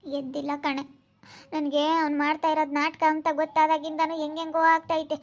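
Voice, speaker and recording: A woman's voice: high-pitched, completely flat delivery, fairly quick, highs cut off. A woman playing a grieving village woman. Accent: rural central Karnataka Kannada. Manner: lamenting, sighing, repetitive speech. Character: grieving village woman, betrayed by her brother. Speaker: actor in a village family drama. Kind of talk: rural domestic drama acting.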